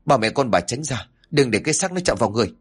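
A man's voice: mid-range voice, expressive, fast talker, breathy edge. Man doing an urgent old hunchbacked man. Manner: urgent, warning.

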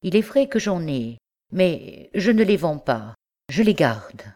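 Brief: woman reading as a jealous old book-dealer, stammering and feverish, low and unhurried. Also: sing-song, a little mellow. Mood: fretful. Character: old bookseller man, obsessive, jealous of his books.

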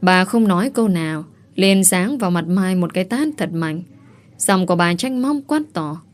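A woman narrating a dramatic story in an even, scripted storytelling manner. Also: on the low side, moderate pace.

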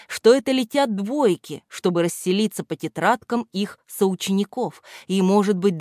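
Slow, calm woman narrating a fairy tale. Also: lowish voice, dry recording, studio quality. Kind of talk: scripted audiobook narration.

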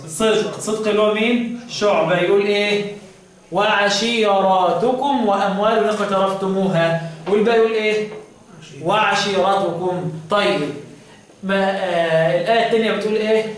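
A man's voice: high voice, steady tone, quick pace. A man with an Egyptian Arabic accent teaching Quran recitation in an interactive classroom lesson, quizzing his students and drawing out words as he recites. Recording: echoey room from far off, faint noise.

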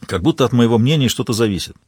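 A man voicing a worried husband who speaks in a quiet, weary, halting way in an audiobook. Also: medium pitch, expressive, husky, no echo, studio quality.

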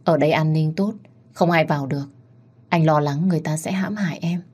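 A woman reading the lines of an anxious, protective young husband in a storybook tale, in a low husky voice. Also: a little fast, darkish tone. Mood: tender worried.

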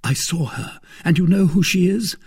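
A man's voice: high-pitched, normal speed, creaky, darkish tone, husky, voice pushed up, full character voice. A man voicing a bold, resolute young musketeer in a storybook reading, firm and urgent.

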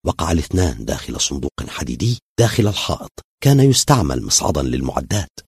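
A male storyteller with a deep, very husky voice, reading a dramatic story aloud. His pitch swings widely as he builds tension. The recording is close and dry. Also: sing-song, quick pace, a little mellow, no echo. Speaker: narrator. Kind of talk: dramatic audio story narration.

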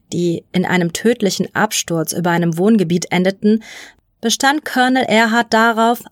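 A woman narrates a science fiction short story in an even, measured reading voice. Her pitch sits in the middle range. The recording is dry, with almost no room sound. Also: no room sound. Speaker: story reader.

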